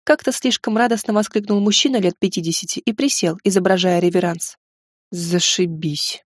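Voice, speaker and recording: A woman's voice: medium pitch, fast talker, no room sound. A woman narrating a first-person fantasy audiobook in a wry, ironic storytelling manner.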